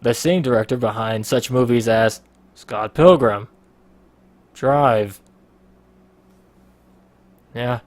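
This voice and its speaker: A man's voice: medium pitch, takes it slowly, long pauses, no room sound. A man hosting a casual podcast, rambling through a story with a lot of swearing and frequent laughter. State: out of breath. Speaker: podcast host.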